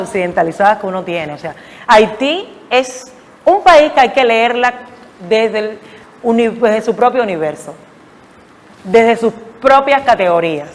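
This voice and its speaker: A woman giving a reflective academic talk, explaining deliberately and emphatically with searching pauses. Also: fairly high pitch. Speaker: academic lecturer. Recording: long echoing hall reverb.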